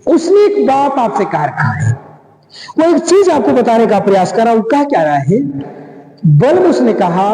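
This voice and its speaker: A man teaching a grammar lesson, explaining slowly and repeating phrases as he goes. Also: high-pitched, dark tone, a little hiss or hum. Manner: repetitive, drawn-out explanation. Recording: echoey room with long reverb.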